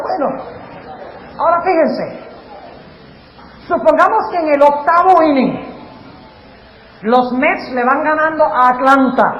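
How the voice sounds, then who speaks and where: A male pastor preaching an animated sermon and asking the congregation questions. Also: extremely high pitch, muffled recording. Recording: echoey hall with faint noise.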